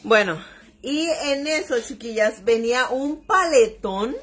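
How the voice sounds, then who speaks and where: A woman's voice: on the high side, expressive, slow pace, a bit bright. A middle-aged woman from northern Mexico with a Mexican accent, chatting casually on a makeup live stream, exclamatory and chatty. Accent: Mexican (Baja California). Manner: chatty, exclamatory, keeps calling viewers "chiquillas". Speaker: makeup vlogger. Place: home room by her vanity.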